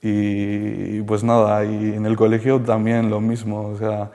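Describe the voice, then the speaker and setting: A man from Colombia, giving a halting, soft-spoken personal testimony in an interview. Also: lowish voice, completely flat delivery, big-room sound. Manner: halting and soft-spoken, circling back with many restarts. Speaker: interviewee sharing a rehabilitation testimony.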